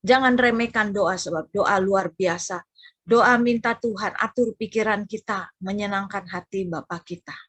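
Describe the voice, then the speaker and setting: A middle-aged woman preaching a sermon, telling a personal testimony in a lively storytelling way and acting out the voices she quotes. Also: medium pitch, husky, dry recording. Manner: lively storytelling, acts out quoted voices, addresses congregation as "saudara".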